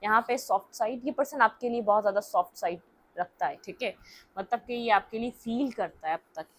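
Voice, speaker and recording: Woman tarot reader with a higher voice. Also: fairly quick. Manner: talkative, keeps checking in with "theek hai", mixes English words. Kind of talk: casual tarot reading to camera.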